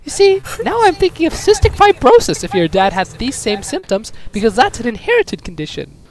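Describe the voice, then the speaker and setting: A woman voicing a brisk, upbeat family doctor in a homemade animated drama, explaining in a bright, sing-song way. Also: on the high side. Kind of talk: amateur machinima voice acting.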